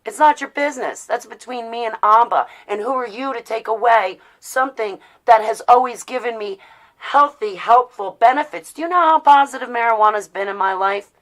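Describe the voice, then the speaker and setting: Pitched on the high side and a bit bright, this woman talks at a normal speed. She's a New Jersey vlogger in her forties with an American accent, giving a casual, blunt, rambling personal talk full of defiance and rhetorical questions.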